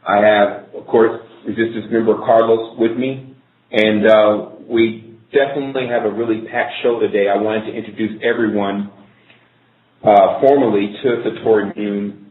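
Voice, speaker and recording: A man's voice: fairly low pitch, fairly even intonation, moderate pace. A man hosting a live internet radio show from an office, talking loosely and rambling while he sorts out technical problems on air. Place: office in a corporate building. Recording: echoey, tinny phone-like line.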